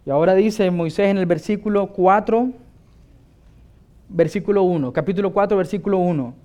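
A man's voice: sits high, normal speed, mellow. A male pastor preaching a sermon with emphatic delivery, often asking his listeners rhetorical questions.

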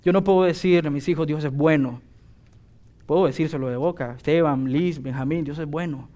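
A middle-aged man preaching a sermon, emphatic and exhorting, building to loud declarations. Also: on the high side, fairly quick.

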